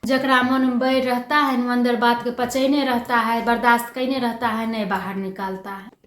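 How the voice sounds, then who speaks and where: A middle-aged woman argues her point insistently in a domestic drama. Her voice sits a little high. The room echoes around her, with faint music underneath. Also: flat delivery, moderate pace, a bit bright. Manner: argumentative, insistent. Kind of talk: family drama dialogue.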